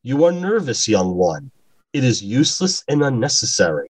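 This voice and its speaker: A man's voice: normal speed, slightly rough, no room sound. A man voicing a stern ancient vampire. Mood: cold, scolding. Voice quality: deep monotone. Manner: cold, chastising.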